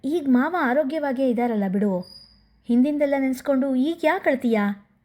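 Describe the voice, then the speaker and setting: Woman voicing a calm reassuring young husband. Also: high-pitched, normal speed, pitched above the performer's own voice.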